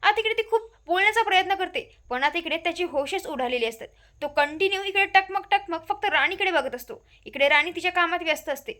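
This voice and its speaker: A woman's voice: extremely high pitch, brisk, pushed and bright. A woman casually retelling a TV serial episode in a repetitive, run-on narrating manner. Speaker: storyteller.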